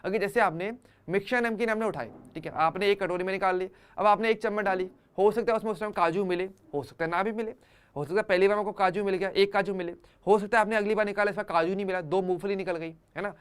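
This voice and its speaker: A man's voice: high voice, steady tone, fast talker, smooth. A man teaching an online chemistry class for exam students, conversational, using everyday examples and often checking that students follow.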